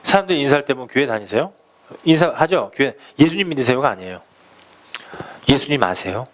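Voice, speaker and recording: A man's voice: mid-range voice, big pitch swings, quick pace, fairly bright tone. A male pastor preaching a sermon, asking the congregation rhetorical questions and acting out quoted speech.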